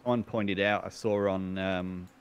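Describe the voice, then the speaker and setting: Low-voiced man thinking aloud. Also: steady tone, measured pace, lo-fi sound, a crowd in the background. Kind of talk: casual gaming chat.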